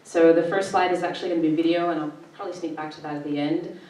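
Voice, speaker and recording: A woman in her forties speaking on an art panel, presenting her film work over slides in a relaxed, conversational way. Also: sits low, fast talker, slight background noise. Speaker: panelist, filmmaker and festival director. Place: art gallery. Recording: echoey gallery room from far off.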